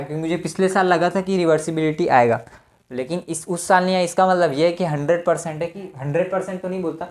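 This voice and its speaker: A man teaching a casual board-exam physics lesson. He keeps asking rhetorical questions and answering them himself, and repeats words for emphasis. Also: high-pitched. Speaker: physics tutor. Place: indoor room, teaching at a marker board. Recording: echoey room.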